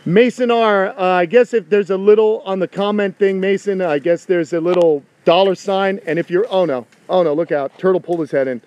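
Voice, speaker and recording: A man's voice: high-pitched, brisk, hardly any pauses, a little mellow. A man in his thirties talking like an enthusiastic wildlife show host, exclaiming and chatting to live-stream viewers outdoors on a phone. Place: outdoors in a fenced animal yard. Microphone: phone at arm's length.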